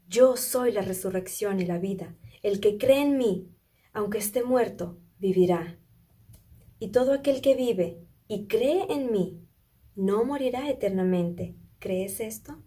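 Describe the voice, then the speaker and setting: A woman delivers a sermon, retelling a Bible story with earnest feeling. Her voice is mellow and dark in tone, and she often stops to put questions to her listeners. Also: mid-range voice, slightly rough. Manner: earnest, asks listeners questions, small restarts. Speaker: preacher.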